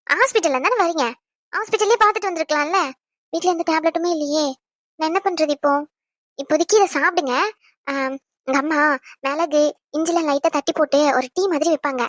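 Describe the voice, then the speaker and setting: A woman's voice: high voice, a little fast, long pauses, no echo, close to an everyday voice. A young woman playing a caring pregnant wife in an audio drama, chatty, fussing and tender. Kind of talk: Tamil audio drama acting.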